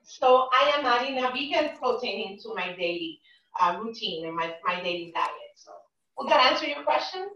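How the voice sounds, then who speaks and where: A middle-aged woman chef from a Dominican and Cuban family chats through each step of a dish during a live cooking demo, often asking viewers "right?" Her slightly high voice is sharp, with lively intonation and a moderate pace. A camera across her home kitchen records her, giving roomy, distant, dull sound.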